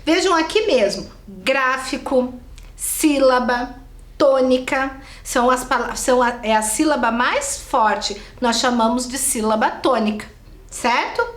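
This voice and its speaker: A woman's voice: fairly high pitch, lively intonation, moderate pace, fairly bright tone, echoey room. A woman with a Brazilian accent, giving a recorded video lesson to children and checking in with them often. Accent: Brazilian Portuguese. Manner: talks straight to the pupils and checks in often. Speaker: teacher.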